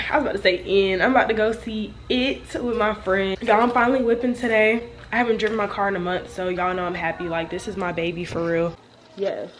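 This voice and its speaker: A woman's voice: mid-range voice, slight background noise. A young woman from Georgia talking casually to her viewers in a vlog, filmed close up with a handheld camera inside a car. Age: young adult. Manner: chatty, addresses viewers as y'all. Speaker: vlogger. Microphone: handheld camera close to face.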